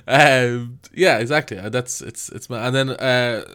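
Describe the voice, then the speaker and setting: A man with an Irish accent hosts a casual podcast. His voice is bright and very clear at a medium pitch, and his manner is jokey. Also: unhurried. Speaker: podcast host. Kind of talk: casual chat.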